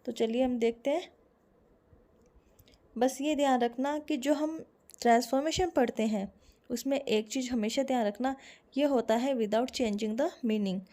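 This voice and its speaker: A young woman with an Indian accent teaching English grammar online, explaining slowly and repeating each example sentence. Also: fairly high pitch, dark tone.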